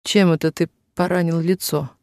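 A man reading the lines of a grieving elderly factory worker, in halting, tearful speech, in a dry room. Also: fairly high pitch, steady tone, darkish tone, no room sound, lightly acted. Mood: anguished.

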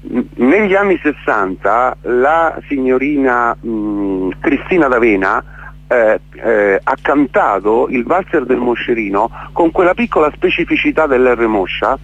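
Speaking unhurriedly in an expressive, medium-pitched voice, an event organiser gives an emotionally charged radio interview. He repeats words for emphasis and asks "capito?" to check he's understood. The broadcast sound is dull and lo-fi.

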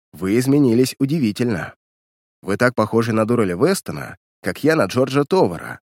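A man's voice: medium pitch, darkish tone, dry recording, clean studio sound, natural voice. A man voicing a sly, blustering villainous uncle in an audiobook reading, with mocking, indignant outbursts.

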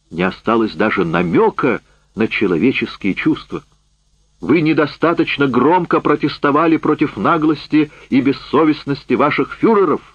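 A man doing a bitter, worn-out man just back from a camp, his raised voice loud and accusing as he lashes out at his brother. The recording is dry and dull, with a slightly muffled, lo-fi sound. It suits a read-aloud wartime novel. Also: mid-range voice, breathy edge, no echo, voice pushed up.

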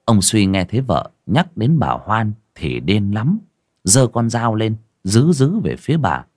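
A man narrating a horror audiobook in a dramatic, expressive reading. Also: on the low side, a little slow, slightly rough, no echo, clean studio sound. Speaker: storyteller.

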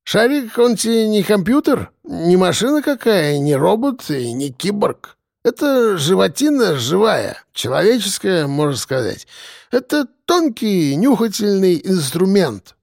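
Tipsy old hunter guy, slurry and wheedling, high and bouncy, a man putting him on. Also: sing-song, unhurried, vocal fry, darkish tone, dry recording, studio quality, heavily acted. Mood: excusing. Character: tipsy village hunter, sly and cheeky.

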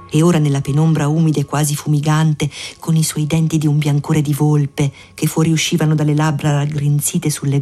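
Low-voiced woman narrating a novel. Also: warm tone. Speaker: audiobook narrator. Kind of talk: literary audiobook narration.

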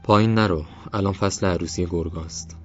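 Deep-voiced man doing a coarse truck driver, cursing, rough talk, muffled audiobook with soft music. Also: natural voice. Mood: uneasy. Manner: rough colloquial speech, cursing. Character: gruff male truck driver, coarse, blunt.

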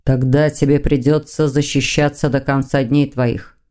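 A woman reading an audiobook, voicing an older male demon, a rector and father who speaks in a dry, mocking, measured way. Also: a bass voice, little pitch movement, warm tone, voice pushed down.

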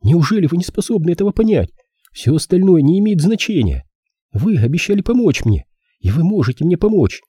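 A man voicing a desperate nineteen-year-old woman in an audiobook, high and pleading. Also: very animated, fairly quick, warm tone, slightly rough, dry recording, studio quality. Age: young adult.

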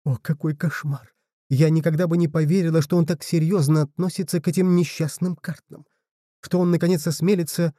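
An anxious, fretting little folk woman, voiced by a man reading aloud. Her lines rise above his usual pitch and tumble out in breathless exclamations, with a very mellow, dark timbre and a dry, close sound. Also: fairly even intonation, fairly quick, no room sound, lightly acted.

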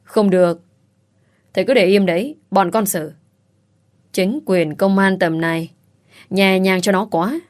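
Woman playing a hard-edged sister-in-law in an audio story, loud and blunt. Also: mid-range voice, unhurried, pauses often, close to an everyday voice. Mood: firm.

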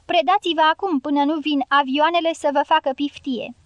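A woman's voice: high-pitched, animated, no echo. A woman doing a jeering enemy soldier. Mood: taunting. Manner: shouted, drawn-out insults. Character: taunting enemy soldier shouting from cover.

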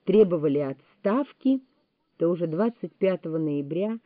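A woman giving a measured, deliberate audiobook narration of a memoir. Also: on the low side, lively intonation, no echo. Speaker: audiobook reader. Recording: tinny phone-like, dry sound.

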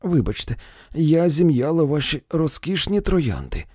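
A man reading a story, voicing an anxious society lady who speaks softly and tearfully. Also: medium pitch, very animated, moderate pace, slightly rough, no echo, clean studio sound. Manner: soft, tearful and fluttery.

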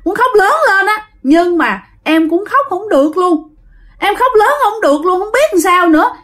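A woman's voice: very high-pitched, animated, normal speed, fairly bright tone, voice pushed up. A woman with a Southern Vietnamese accent voicing a frightened young boy who pleads in tearful, breathless bursts. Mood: scared, tearful. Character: frightened young boy, crying and stiff with fear.

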